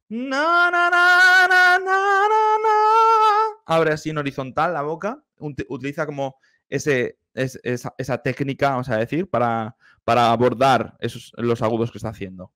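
A man's voice: mid-range voice, fairly bright tone, dry recording. A man, a choir director giving enthusiastic, explanatory commentary while reacting to a singer. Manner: explanatory, enthusiastic, hums vocal demonstrations.

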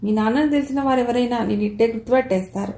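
A woman reading the part of a kindly, nostalgic elderly man who speaks fondly and gently, in a roomy-sounding recording. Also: on the high side, quick pace, natural voice. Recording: roomy echo.

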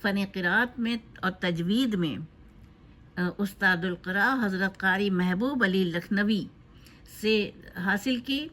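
A woman giving a spoken tribute in a loose, unscripted way, pausing often with fillers. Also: medium pitch, fairly bright tone. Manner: hesitant, with frequent filler pauses. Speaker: narrator of a tribute video.

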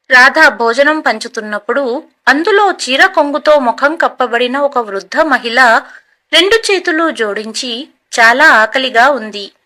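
Bright, high-voiced woman storyteller. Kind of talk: scripted narration.

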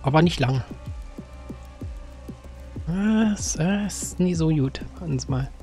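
A man giving casual gameplay commentary, chatting to game characters with sudden excited outbursts. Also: a little high, slow. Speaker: gaming let's-player. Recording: faint game music behind.

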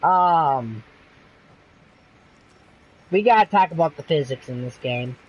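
A man's voice: on the high side, lively intonation, takes it slowly, husky, lo-fi sound. A man chatting over a headset during a co-op shooter game, ranting and swearing in frustration at his teammates. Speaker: gamer streaming co-op play. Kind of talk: casual gaming chat.

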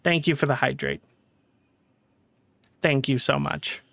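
A man's voice: medium pitch, fairly even intonation, slow, vocal fry, a bit bright, no room sound. A male game streamer talking live as he plays, swearing constantly, stammering and restarting his sentences, frustrated and angry.

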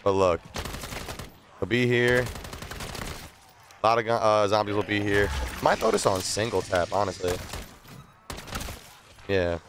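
Speaking a little slowly and pausing often, this young streamer has a lowish, expressive voice as he offers casual gameplay tips in slangy, repetitive terms. The close desk mic in his small streaming room also picks up game gunfire, vehicles and ambience.

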